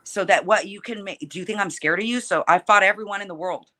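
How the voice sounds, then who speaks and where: A woman's voice: medium pitch, fast talker, sharp tone. A woman fighter talking casually in an interview, feisty, combative and blunt, swearing freely as she talks trash.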